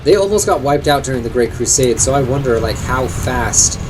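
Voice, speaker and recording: A man's voice: mid-range voice, lively intonation, normal speed, noisy background. A man streaming a video game, rambling casually about its lore and thinking aloud, now and then swearing. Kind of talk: casual gameplay commentary. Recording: streamed over game music.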